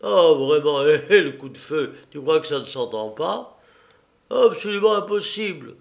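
A man voicing a commanding, sardonic gentleman burglar in an audiobook reading, brisk and bossy with his accomplices. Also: on the high side, lively intonation, creaky.

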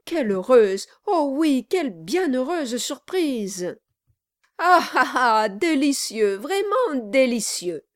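A woman voicing a sly, obsequious male lawyer who gushes flattery in an unctuous manner, in a dry recording. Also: a little high, slow, dry recording. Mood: fawning.

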